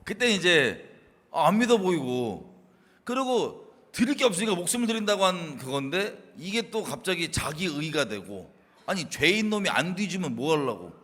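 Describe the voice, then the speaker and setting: A man in casual faith talk, animated and laughing, acting out his past self scolding others. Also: fairly high pitch, moderate pace, in a large hall. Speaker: co-host.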